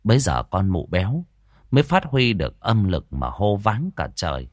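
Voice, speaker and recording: A man, telling a village tale in a lively, folksy way. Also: fairly low pitch, moderate pace, dry recording, studio quality. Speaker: storyteller. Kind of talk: audiobook narration.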